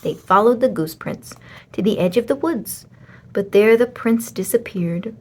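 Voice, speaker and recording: Reading a children's story aloud, this expressive female narrator uses a mid-range voice and a slightly slow pace.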